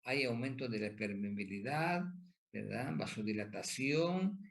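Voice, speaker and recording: A man's voice: mid-range voice, unhurried, vocal fry. A man giving a lecture who asks questions and answers them himself, repeats key points and keeps checking in with tag questions. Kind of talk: pathophysiology lecture.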